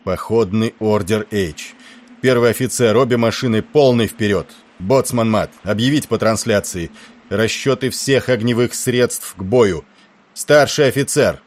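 A man reading the part of a composed ship's captain who gives measured orders. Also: on the low side, natural voice. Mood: commanding. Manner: calm, measured, commanding.

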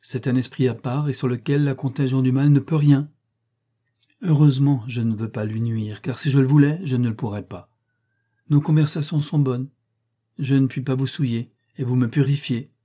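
A man reading a brooding, bitter gentleman. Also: mid-range voice, fairly even intonation, normal speed, natural voice. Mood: impassioned.

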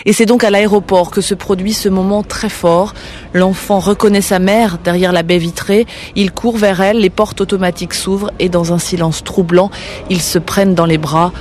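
A woman radio reporter narrating a scripted news story in a measured, narrative way. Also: mid-range voice, fairly even intonation, a little mellow, slight background noise.

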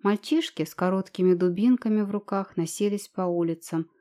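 A woman reading a historical novel aloud with an even, dramatic delivery. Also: medium pitch, brisk. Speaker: audiobook narrator. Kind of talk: scripted narration.

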